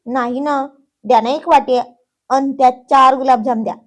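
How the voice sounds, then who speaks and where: Woman voicing a young woman, clingy, stubborn, whiny, pleading sing-song, high voice. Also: steady tone, moderate pace, natural voice.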